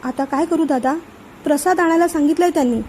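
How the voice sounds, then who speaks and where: एक स्त्री करते गोंधळलेली तरुण नवी सून. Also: female voice, sits high, fairly quick, darkish tone, a little hiss or hum, lightly acted. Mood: pleading. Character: young clumsy newlywed wife.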